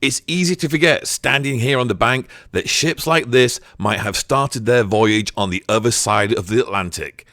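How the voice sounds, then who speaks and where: A man's voice: mid-range voice, normal speed, few pauses, no echo. Man reading a documentary voice-over. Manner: smooth, even, informative. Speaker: narrator.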